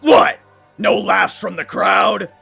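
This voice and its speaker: A man voicing a sadistic, hulking male monster who shouts drawn-out, mocking taunts. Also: high-pitched, big pitch swings, gravelly, husky, faint music behind, voice pushed up, heavily acted.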